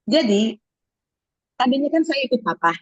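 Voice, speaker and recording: A middle-aged woman with a husky, fairly high voice gives a faith testimony, storytelling with swooping, animated pitch. The recording sounds dry and dull, with a slightly lo-fi edge. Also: normal speed, no echo. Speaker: guest giving testimony.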